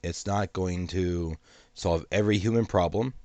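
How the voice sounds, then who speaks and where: Congested low-voiced man giving commentary. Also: moderate pace, mellow, dry recording. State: congested from a sinus infection. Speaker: host of an AI commentary channel. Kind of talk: solo commentary to camera.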